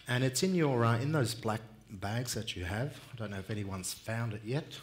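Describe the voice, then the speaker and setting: A middle-aged Australian man speaking at a conference in a large indoor hall, unhurried and plain-spoken with many fillers, on a headset mic. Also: medium pitch, a little hiss or hum. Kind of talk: relaxed conference talk.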